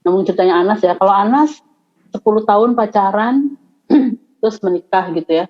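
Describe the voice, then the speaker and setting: A woman's voice: mid-range voice, brisk, muffled recording. A woman from Java chatting casually on a podcast panel, with many fillers and restarts. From Java, Indonesia. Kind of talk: casual chat.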